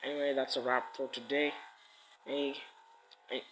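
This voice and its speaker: A man's voice: mid-range voice, flat delivery, moderate pace, background noise. A man, a YouTuber, rants to camera in a scoffing, dismissive way that rambles with many restarts. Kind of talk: casual rant to camera.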